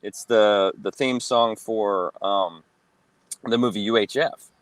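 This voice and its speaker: A man's voice: lowish voice, slow pace, dry recording. Hesitant man in his forties, dry sound. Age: 40s. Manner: hesitant, filler-heavy recollection. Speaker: co-host. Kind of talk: casual reaction chat.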